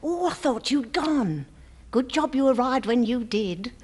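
A woman's voice: on the high side, lively intonation, measured pace, darkish tone, breathy edge. An actress playing a flustered, coy widow who talks through the mail slot of her closed front door. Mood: coy, fussing. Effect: talking through a mail slot in a closed door. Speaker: sitcom character. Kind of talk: sitcom acting.

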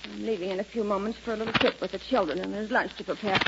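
Actress as distraught, prim housewife, heavy hiss. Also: female voice, mid-range voice, steady tone, fast, vocal fry, lightly acted. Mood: guarded distress. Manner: prim, guarded, brittle. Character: proud, distraught, respectable housewife and mother. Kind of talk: 1940s radio acting. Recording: muffled, very noisy vintage radio recording.

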